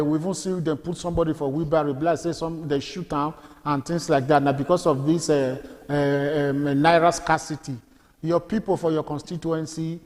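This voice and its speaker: A man's voice: fairly high pitch, darkish tone. Nigerian male host, reverberant sound. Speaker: interviewer, host. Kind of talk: interview questions. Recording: long reverb.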